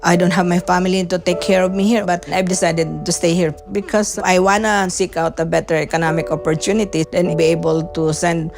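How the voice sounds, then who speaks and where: A woman's voice: fairly low pitch, level tone, fairly quick, hardly any pauses, music in the background. An older woman from Cebu with a Filipino accent, an earnest caregiver speaking in a documentary interview. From Cebu, Philippines.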